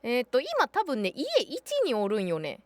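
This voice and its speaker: High, lively Kansai woman streamer. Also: moderate pace, no room sound. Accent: Kansai Japanese. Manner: chatty, exclaims often, thanks viewers warmly. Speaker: game streamer. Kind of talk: casual live-stream chat while playing.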